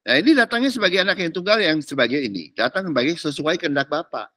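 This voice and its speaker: A man preaching, teasing and animated in slangy street talk, mimicking people as he goes. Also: a little high, fast, no room sound, studio quality. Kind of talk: sermon.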